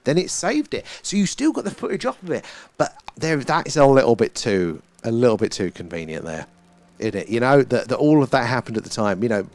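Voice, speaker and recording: His mid-range voice swings widely in pitch, moving fairly quickly with a darkish tone. The speaker is a British man on a livestream, musing aloud in a rambling, casually philosophical chat with occasional mild swearing.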